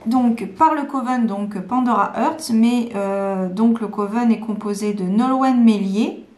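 A woman's voice: fairly high pitch, unhurried, a little mellow, roomy sound. A woman from France chatting casually to camera at home, hesitant, with many fillers and restarts. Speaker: vlogger presenting planners. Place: home room.

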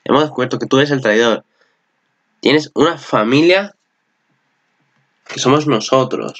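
A man's voice: medium pitch, unhurried, fairly bright tone, highs cut off. A man with a Spanish accent from Spain giving casual, rambling reaction commentary on an anime, swearing often.

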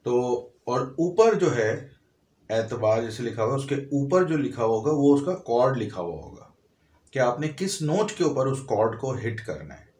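A man's voice: mid-range voice, sing-song, normal speed, a little mellow, reverberant. A man teaching a piano lesson, explaining step by step, counting and naming notes aloud. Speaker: music teacher. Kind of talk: piano tutorial.

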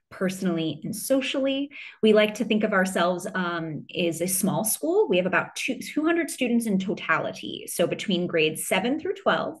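A woman who directs school enrollment, hosting a webinar over a video call in an enthusiastic, polished way. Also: mid-range voice. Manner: enthusiastic, polished, many "wonderful"s.

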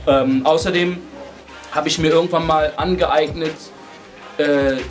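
A young man in his early twenties speaks in a slightly high voice, relaxed and unscripted, hunting for words and restarting his sentences. Music runs clearly beneath him as he talks indoors, seated. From Germany. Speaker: hip hop dancer. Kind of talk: casual interview talk. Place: indoors beside a wooden wall. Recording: music playing under the voice.

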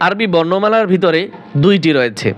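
High-voiced man teaching Arabic letters. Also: expressive, a bit bright, soft background music. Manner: asks the viewer questions and answers them himself, repeats letters slowly. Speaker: Quran teacher. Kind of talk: Arabic alphabet pronunciation lesson.

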